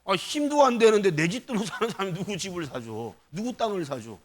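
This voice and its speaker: A man's voice: high voice, very animated, brisk. A male pastor preaching a sermon in a church, questioning the congregation and calling for responses. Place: church sanctuary.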